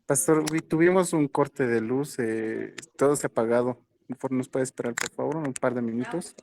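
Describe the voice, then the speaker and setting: A man's voice: mid-range voice, normal speed, creaky, darkish tone. Polite man on a call. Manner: apologetic, polite. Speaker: church broadcast staff. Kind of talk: casual call.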